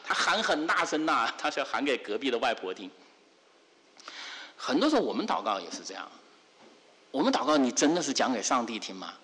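A man preaching a sermon, animated, asking rhetorical questions again and again. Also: mid-range voice, brisk, pauses often, in a large hall.

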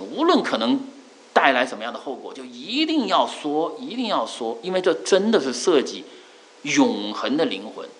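Earnest male preacher, lively pitch. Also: a little hiss or hum, rough recording. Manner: earnest, repeats phrases, drawn-out fillers. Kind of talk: sermon.

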